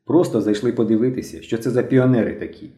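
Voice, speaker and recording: A man's voice: medium pitch, fast, warm tone, natural voice. A man voicing a gloomy, defiant teenage boy who answers curtly in an audiobook reading. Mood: sullen. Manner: gloomy, curt. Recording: roomy echo.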